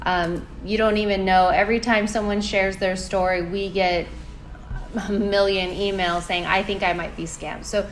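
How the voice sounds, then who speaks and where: A woman's voice: mid-range voice, little pitch movement, moderate pace, slight background noise. A woman co-hosting, sincerely thanking a scam victim for sharing her story. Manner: grateful, sincere. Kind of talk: thanking a guest.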